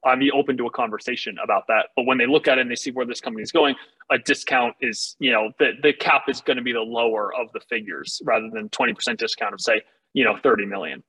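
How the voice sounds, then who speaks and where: A man speaking as a startup founder, making a confident, candid startup pitch in a casual, salesy conversational way. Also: steady tone, fast, sharp tone, breathy edge, rough recording.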